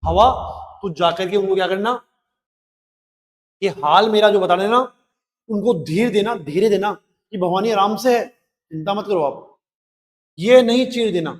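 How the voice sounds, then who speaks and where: Man, high voice, hindi teacher, reads poem lines then explains, asks questions back, reverberant room. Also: measured pace, long pauses. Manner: recites verse lines then explains them with rhetorical questions. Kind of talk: live class poem explanation.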